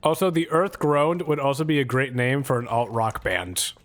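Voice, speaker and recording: Playing a game on a live stream, this young adult man rambles and tosses out sarcastic jokes full of profanity. He talks at normal speed in a medium-pitched voice.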